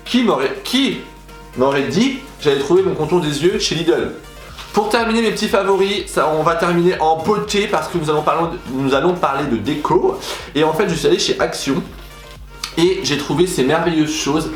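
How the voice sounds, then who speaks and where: A man's voice: fairly high pitch, fairly quick. A young man chatting animatedly as a beauty vlogger, gushing about his favorite products in a casual review. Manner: animated, chatty, exaggerated enthusiasm. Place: room at home. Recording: echoey room with faint music.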